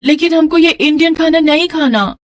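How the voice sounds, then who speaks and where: Naive young bride, voiced by a woman, high cheerful voice, cartoon. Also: moderate pace, dry recording, studio quality, close to an everyday voice. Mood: eager. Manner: cheerful, naive, broken grammar. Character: foreign young bride speaking broken Hindi.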